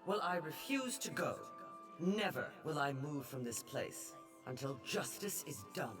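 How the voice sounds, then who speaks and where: A woman's voice: low-pitched, lively intonation, a little slow, music in the background. A woman voicing the ghost of a proud dead navigator, speaking in a stately, formal, aggrieved way. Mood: defiant.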